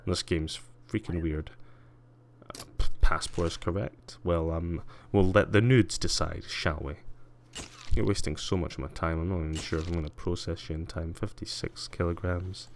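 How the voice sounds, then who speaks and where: A man's voice: deep voice, steady tone, moderate pace, slight background noise. A young man chatting casually and self-mockingly while he plays a game on stream, muttering to himself and to chat. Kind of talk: casual gameplay commentary.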